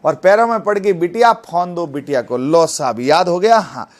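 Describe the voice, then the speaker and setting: A man coaching exam students, spinning little rhymes and tricks to make facts stick. His voice sits high for a man, and he keeps tossing quick check-in questions at his class in a chatty, homely way. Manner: chatty, repeats tag questions like "है ना". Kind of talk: teaching with memory tricks.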